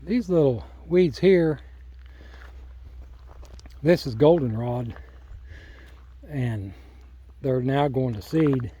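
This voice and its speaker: A man's voice: mid-range voice, very slow, long pauses, warm tone, slightly rough, poor audio. An older man chatting in a rambling, folksy way while walking a rural hillside, then reading scripture aloud, recorded on a handheld phone. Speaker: lay Bible teacher.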